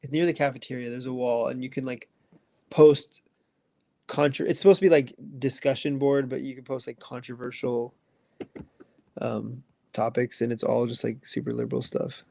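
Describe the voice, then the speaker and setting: A man in his twenties hosts a livestream, answering chat in a casual ramble full of fillers. His mid-range voice is steady, gravelly, and dark-toned, at a moderate pace. There's no echo.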